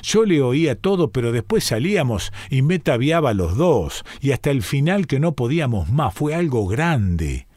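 Man with a Rioplatense accent, mid-pitched, for a musing first-person monologue, dry close sound. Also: sing-song, moderate pace, hardly any pauses, darkish tone, no echo. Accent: Rioplatense Spanish. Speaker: reader performing a monologue. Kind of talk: dramatic first-person story reading.

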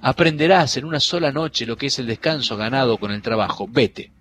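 A man's voice: medium pitch, expressive, fairly quick, a bit bright, slight background noise, natural voice. A man voicing stern female guard bees in a storybook reading, curt and unyielding as they turn someone away. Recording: faint music behind.

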